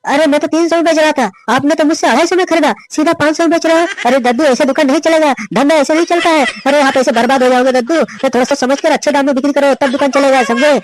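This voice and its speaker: A man's voice: high-pitched, a little fast, a little hiss or hum, natural voice, rough recording. A man voicing a tired young nut seller in a cartoon, complaining and exasperated. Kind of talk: Hindi cartoon voice acting.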